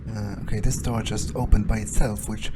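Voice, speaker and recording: Over loud music, a man with a lowish, level voice talks at a normal speed. He's a gamer narrating a playthrough in character, improvising commentary as he thinks aloud. His musings come out sardonic and understated, with a casual streak of profanity.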